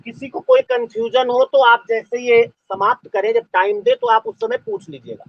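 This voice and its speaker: A male teacher giving a live online class, dictating slowly and repeating phrases for students to write down. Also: very high-pitched, huge pitch swings, creaky. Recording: dull lo-fi audio.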